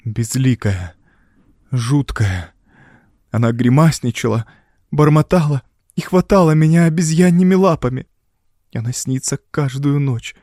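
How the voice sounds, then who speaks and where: A man's voice: fairly high pitch, normal speed, a little mellow, no echo, clean studio sound, lightly acted. A man voicing a frightened young wife who pleads in a trembling voice. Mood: despairing.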